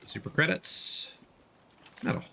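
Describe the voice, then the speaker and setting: A game streamer with a sharp-toned voice takes it slowly during live let's-play commentary, casually explaining the game as he plays. The tone is instructive, with video game ambience in the background.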